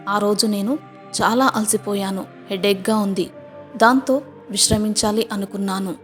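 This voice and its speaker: Storyteller: woman, mid-pitched, steady measured read, faint music underneath. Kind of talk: scripted first-person moral story narration.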